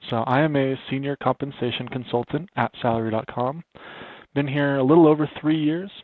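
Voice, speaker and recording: A man's voice: mid-range voice, steady tone, brisk, no echo. Dry-humored man on a tinny line. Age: 30s. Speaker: podcast guest, consultant. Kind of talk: casual interview. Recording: phone-like remote line.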